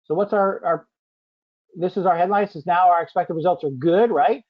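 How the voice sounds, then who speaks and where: A man's voice: high voice, moderate pace. A man leading a live webinar product demo in a chatty way, often tagging his points with "right?" and answering viewers by name. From United States. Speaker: software demo presenter. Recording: muffled lo-fi audio.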